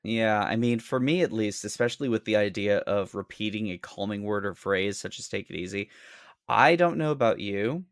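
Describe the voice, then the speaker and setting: A man's voice: on the low side, moderate pace, dry recording, clean studio sound. A man co-hosting a casual podcast, blunt and sarcastic, swearing freely. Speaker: podcast co-host.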